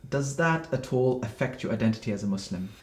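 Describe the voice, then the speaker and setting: A man's voice: medium pitch, animated, fairly quick, darkish tone. A man interviewing a guest, asking direct, probing questions. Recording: roomy echo.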